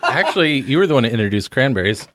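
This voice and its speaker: A man hosting a comedy podcast, reading out trivia in a dry, deliberate way. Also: mid-range voice, big pitch swings, fairly bright tone. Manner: reads facts aloud in a dry, deliberate way. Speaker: podcast host.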